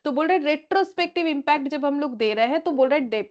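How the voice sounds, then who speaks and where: A woman teaching an accounting class. She reads English questions slowly and explains them in Hindi, often checking in with "theek hai". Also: sits high, expressive, highs cut off. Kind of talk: classroom lecture.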